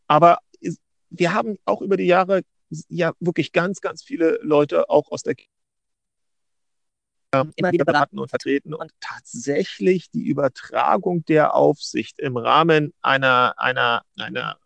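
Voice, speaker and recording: A middle-aged man from Berlin co-hosting a podcast, arguing a legal point in a deliberate, wry way with many restarts. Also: fairly high pitch, gravelly, a bit bright, no echo. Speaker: podcast co-host, legal adviser. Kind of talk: casual podcast discussion.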